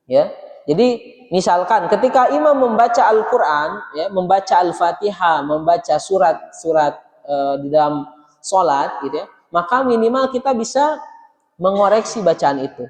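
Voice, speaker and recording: A man teaching Quran recitation in a mosque, chanting verses slowly and explaining pronunciation. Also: high voice, expressive, roomy sound, in a large hall.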